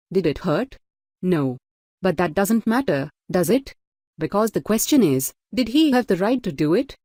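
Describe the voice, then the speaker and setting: A woman narrating a novel in first person, measured and steady. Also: lowish voice, no room sound, clean studio sound. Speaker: audiobook narrator. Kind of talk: scripted audiobook narration.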